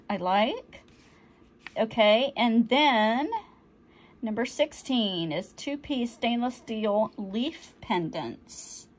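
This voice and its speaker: A woman chatting through an unboxing, easily delighted and often apologizing for slips. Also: medium pitch. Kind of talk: casual unboxing chat.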